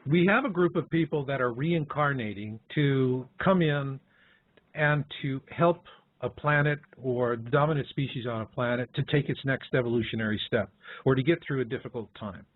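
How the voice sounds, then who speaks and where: A man hosts a radio talk show, explaining his points in a conversational way. His voice is husky and sits at an ordinary pitch. The sound is thin and phone-like. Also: moderate pace, no room sound.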